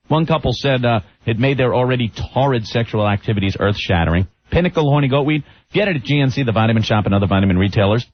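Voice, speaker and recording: Sarcastic radio co-host, dull aircheck. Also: male voice, mid-range voice, slight background noise. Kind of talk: casual radio banter and live read.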